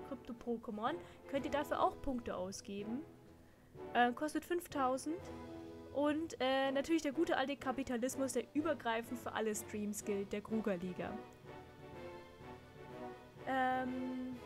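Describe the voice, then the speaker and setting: A high-voiced young woman hosts a game livestream, chatty and relaxed as she reads the chat aloud and laughs often. Faint music plays under her voice. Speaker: game streamer.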